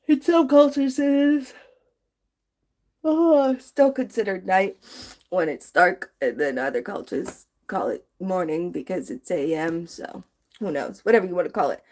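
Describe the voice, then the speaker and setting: A woman's voice: on the low side, expressive, unhurried, darkish tone. Sleepy, rambling woman streaming late. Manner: rambling, drowsy, chatty. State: sleepy, yawning. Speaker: livestreamer. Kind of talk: late-night casual livestream.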